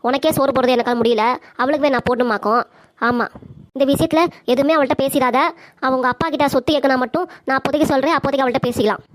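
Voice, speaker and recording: A woman voicing a sharp-tongued, bossy young wife in a cartoon comedy, nagging and giving orders. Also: high voice, steady tone, quick pace, no room sound, natural voice.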